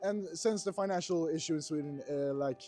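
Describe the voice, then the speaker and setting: A man's voice: a little high, brisk, mellow, soft background music. A man answering a street interview, hesitant, repeating words and restarting often.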